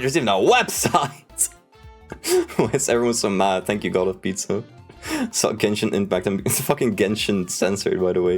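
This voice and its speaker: A young man chatting casually on a livestream, telling stories in an animated, sweary way. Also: on the low side. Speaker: streamer. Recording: music playing behind the voice. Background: background music.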